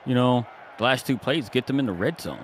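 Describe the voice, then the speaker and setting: A man doing chatty color commentary for a simulated football broadcast, playful and animated, often repeating words as he talks. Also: medium pitch, brisk, slight background noise. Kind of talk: sports commentary.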